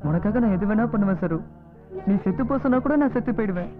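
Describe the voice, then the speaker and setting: A man's voice: high voice, fast, natural voice. An actor playing a desperate, lovesick young man who begs in a film drama. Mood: pleading. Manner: pleading, desperate. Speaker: film character. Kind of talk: Tamil film drama acting. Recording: tinny lo-fi film audio with music.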